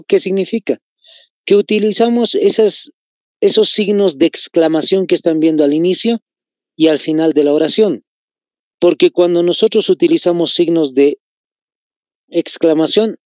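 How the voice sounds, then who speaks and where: A man's voice: high voice, darkish tone, dry recording. A man with a Bolivian Spanish accent teaching an online class. He explains patiently, repeats key phrases and calls his students chicos.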